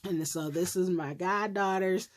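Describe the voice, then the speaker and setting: A middle-aged woman casually showing her handmade crafts, slightly hoarse as she loses her voice, with a rambling manner full of ums and self-corrections. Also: fairly low pitch, measured pace, a little hiss or hum. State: losing her voice, clearing her throat. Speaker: crafting YouTuber. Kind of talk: casual craft show-and-tell.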